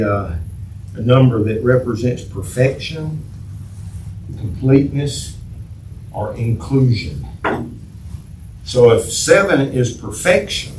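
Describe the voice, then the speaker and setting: A man leads a church Bible class at a middle pitch, talking to the room and putting questions to the class. He is picked up from a distance in an echoey room, with a faint hiss under him. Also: darkish tone. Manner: conversational, repeats words and restarts, asks the class questions.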